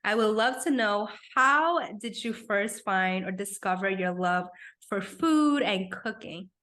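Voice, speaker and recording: A woman's voice: mid-range voice, expressive, slow pace, fairly bright tone. A woman from New York City hosting a podcast, upbeat and gushing, often affirming her guest. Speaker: podcast host. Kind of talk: casual interview conversation.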